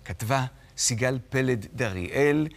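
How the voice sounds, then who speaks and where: A man's voice: medium pitch, vocal fry. A man reading a picture book aloud to children in a playful way, chatting with a puppet sidekick between pages. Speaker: children's storyteller. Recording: story music playing underneath.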